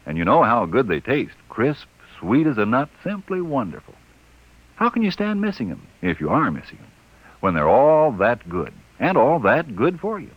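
A male radio announcer giving a folksy, chatty commercial pitch full of rhetorical questions, heard from an old broadcast disc transcription. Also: sing-song, moderate pace, breathy edge. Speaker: sponsor announcer. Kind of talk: scripted radio commercial read. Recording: dull lo-fi vintage radio transcription.

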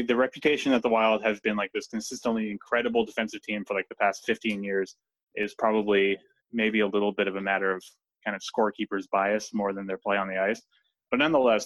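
A man's voice: fairly low pitch, fairly bright tone, no echo, poor audio. A man talking hockey as a podcast guest, loose and chatty, full of fillers and restarts. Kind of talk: casual podcast chat.

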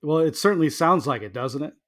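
A man with a fairly high voice chats casually as a sports podcast co-host. He sounds resigned and exasperated, circling back over his own phrases. He is talking straight into his computer's microphone. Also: expressive, brisk. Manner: resigned, exasperated, repeats himself.

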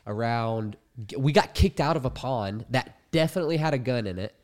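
A man's voice: mid-range voice, a little fast. A young man hosting a casual podcast, congested and hesitant, rambling with many fillers. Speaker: podcast host and YouTuber.

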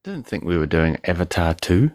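Co-hosting a podcast over a remote call mic, a man trades casual banter full of crude jokes, swinging between mumbling and exclaiming. His voice is low-pitched and darkish, very animated, at a moderate pace.

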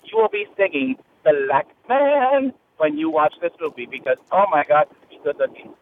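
Very animated and on the high side, a man talks at normal speed while phoning in from his car on the road. He's leaving a listener voicemail, a chatty fan message full of gushing enthusiasm, heard over a narrow phone line with faint noise.

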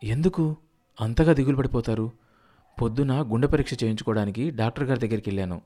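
A man's voice: medium pitch, darkish tone, natural voice. A man voicing an anxious middle-aged village wife who coaxes and snaps at her husband in a storybook reading.

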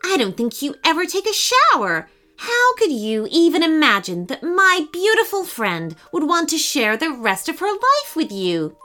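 A woman voicing a gossipy female swan who mocks in a high, quick voice. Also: wildly swooping pitch, bright, forceful tone, full character voice. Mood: mocking. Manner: mocking, quick.

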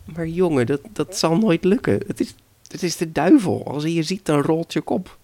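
A man voicing the devil's fussy old grandmother, talking high and stammering through her excuses. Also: unhurried, vocal fry, a little mellow. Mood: warning. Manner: high-pitched, hesitant, flustered fibbing.

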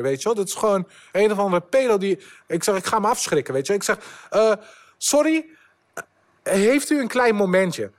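A young man, a podcast guest, telling a lively anecdote, swearing freely and dropping English words into his talk. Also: sits high. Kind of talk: storytelling anecdote.

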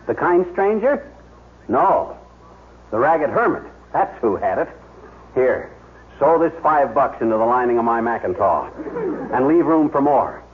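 An American actor playing a scheming, hapless, folksy husband in a 1950s radio comedy. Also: male voice, medium pitch, sing-song, measured pace, pauses often. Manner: folksy, slangy. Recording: noisy vintage radio, narrow phone-like band.

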